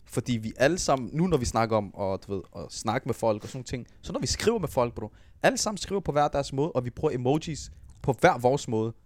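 A young man co-hosting a podcast, chatting casually in slangy street Danish and telling animated work stories. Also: mid-range voice, few pauses, no room sound. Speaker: podcast co-host. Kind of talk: casual chat.

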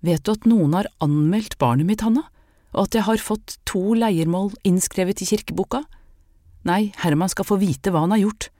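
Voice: medium pitch, dark tone, no echo, clean studio sound, voice pushed up, natural voice. A narrator doing a defiant young mother. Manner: firm, insistent.

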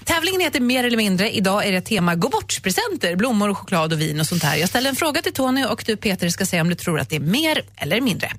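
A woman co-hosting a radio show, running a quiz with quick banter and mock scolding. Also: medium pitch, very animated, a bit bright, a little hiss or hum. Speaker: radio co-host and quiz master. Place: radio studio. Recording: radio broadcast with music underneath.

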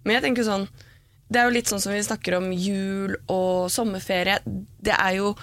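A woman talks in an easygoing conversational way, supportive and reflective, often thinking aloud. Her pitch is ordinary and middling, and the sound is close and dry. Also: flat delivery, fairly bright tone, no echo. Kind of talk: casual chat.

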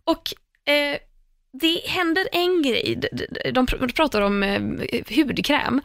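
A young woman chatting casually on a podcast, telling an animated story full of fillers and restarts. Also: sits high, dry recording, clean studio sound. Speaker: podcast host.

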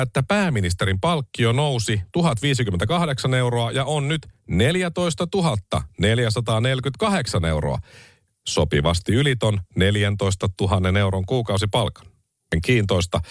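Sarcastic man, lively pitch. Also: no echo, studio quality. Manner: sarcastic, mocking, conversational. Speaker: podcast host. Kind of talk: satirical political monologue.

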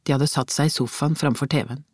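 A reader narrating a crime novel as an audiobook, in measured storytelling with tense inner questions. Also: medium pitch, fairly even intonation, a little mellow, no room sound, studio quality.

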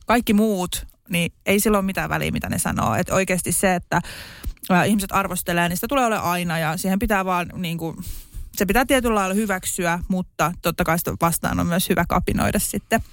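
A woman co-hosting a casual studio chat, talking in a chatty way with lots of fillers and quick laughs. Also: lowish voice, dry recording. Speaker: podcast co-host.

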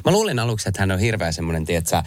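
Hesitant, eager man with a lowish voice. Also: sing-song. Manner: hesitant, many filler sounds, enthusiastic. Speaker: podcast co-host. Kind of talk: casual chat.

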